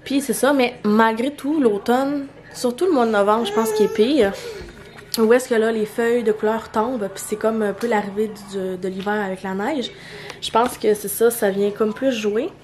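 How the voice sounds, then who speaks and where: A woman's voice: fairly high pitch, normal speed, background noise. A young woman with a Québécois accent, chatting casually at home in a morning vlog, rambling with lots of fillers and restarts. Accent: Québécois French. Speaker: vlogger.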